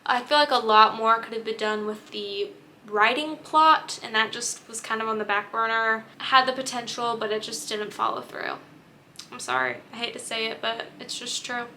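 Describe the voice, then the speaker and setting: A woman's voice: on the high side, fairly even intonation, normal speed, bright, forceful tone, a little hiss or hum. A young woman chatting candidly about books she has read, with plenty of fillers. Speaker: book vlogger. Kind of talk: casual chat.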